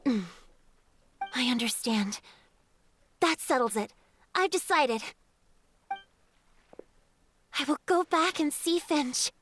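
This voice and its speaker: A woman voicing a gentle, shy water spirit in a video game, speaking softly and hesitantly. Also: high-pitched, expressive, unhurried, a little hiss or hum. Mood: resolved. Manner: soft, hesitant, breathy at times.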